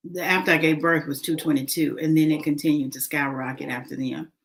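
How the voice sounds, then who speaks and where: A woman's voice: deep voice, fairly even intonation, fairly quick, creaky, a little hiss or hum. A woman vlogging casually, chatting with many fillers while she eats a snack. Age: adult, mother of a son. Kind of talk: casual eating and talking vlog.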